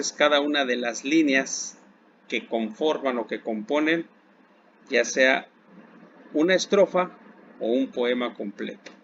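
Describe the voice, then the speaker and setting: A man with a Mexican accent teaching a recorded Spanish lesson to secondary school students. He speaks slowly and deliberately, asking a question and then answering it himself. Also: a little high, fairly bright tone. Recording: dull lo-fi recording with faint background hiss.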